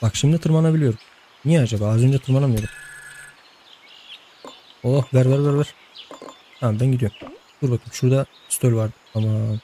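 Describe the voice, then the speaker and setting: A man's voice: medium pitch, brisk, long pauses, mellow, slight background noise. A young man giving casual let's-play commentary, chatting to the game's characters and laughing often. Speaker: gameplay host.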